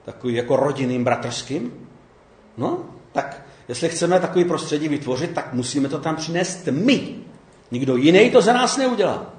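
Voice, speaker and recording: Lively, echoey preacher, keeps asking "jo?". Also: male voice, a little high. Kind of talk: sermon.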